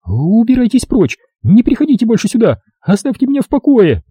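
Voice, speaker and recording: A frightened young widow, as a male narrator plays her, pushed up high and shrill with a husky, dark edge. She pleads and panics, her voice swinging widely. Dry, close recording. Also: wildly swooping pitch, brisk, no room sound, heavily acted. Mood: frantic.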